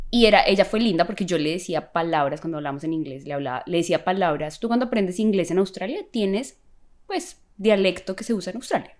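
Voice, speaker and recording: A young woman tells a personal story in a lively, casual way, slipping into the voices of the people she met. Her voice sits fairly low for a woman. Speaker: podcast guest sharing a testimony.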